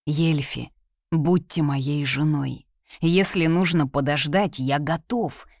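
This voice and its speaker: A woman voicing a courtly man in his forties proposing in an audiobook, slow and measured, low in her register. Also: a little mellow, no room sound, studio quality, exaggerated voice. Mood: tender.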